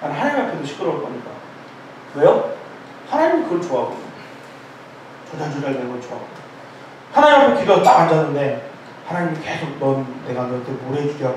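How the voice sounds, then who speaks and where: A middle-aged man preaching an informal sermon at a prayer meeting, telling jokes and stories in an animated way and calling himself loud. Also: fairly high pitch, quick pace, pauses often. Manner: animated, joking storytelling, calls himself loud. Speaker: pastor. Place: church sanctuary. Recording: echoey church hall, distant mic, faint noise.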